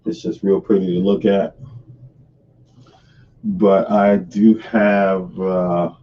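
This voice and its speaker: A man's voice: sits low, level tone, slow pace. A man hosting a casual live stream from his home sunroom office. He talks loosely and restarts his sentences, and his voice is picked up by the camera on his screen, so it sounds hollow, like a cave. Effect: hollow, cave-like echo. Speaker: host of a live money stream. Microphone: camera on top of the computer screen. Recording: distant, dull webcam-mic sound in a hollow room.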